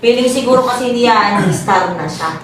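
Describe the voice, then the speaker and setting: A woman with a high voice teases and grumbles about a dancer in casual group banter. She sounds distant, with strong room echo and light noise. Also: moderate pace. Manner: teasing, complaining gossip. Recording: echoey room, mic far off.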